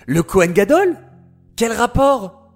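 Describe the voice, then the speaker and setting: A man voicing an eager, curious young boy who asks excited questions in a children's story. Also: extremely high pitch, slow, soft background music, pitched above the performer's own voice, heavily acted.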